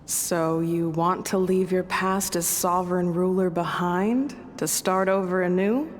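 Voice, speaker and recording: An actress playing an earnest, composed young heroine in a fantasy video game, measured and sincere. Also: female voice, fairly even intonation, lightly acted. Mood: calm, resolute. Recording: long reverb, faint rumbling noise.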